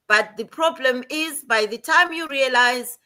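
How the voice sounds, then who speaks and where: A woman's voice: sits high, measured pace, sharp tone. An older woman, a nurse, speaking emphatically with warnings on a livestream panel. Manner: emphatic, cautionary.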